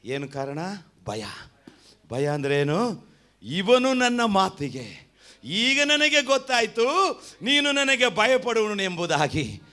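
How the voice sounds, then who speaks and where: A man's voice: high-pitched, slow pace, long pauses. A man with a Kannada accent preaching a sermon as pastor, calling on the congregation to answer and repeat after him. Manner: animated preaching with call-and-response.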